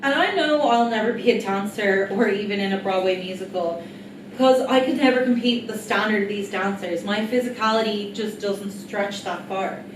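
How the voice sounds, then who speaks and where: A woman's voice: medium pitch, normal speed. Woman reading a monologue in an echoey room. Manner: earnest, reflective, addressing the audience directly. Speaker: writer-performer of an autobiographical solo play. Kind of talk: rehearsed reading of a theatrical monologue. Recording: echoey, distant mic, noisy room.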